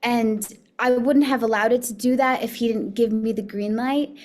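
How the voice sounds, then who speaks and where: A woman's voice: on the high side, fairly even intonation, normal speed, a little mellow. A young woman from Miami, an actress guest chatting casually in an interview, filling her talk with likes and laughs. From Miami, United States. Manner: chatty, laughs often, many fillers.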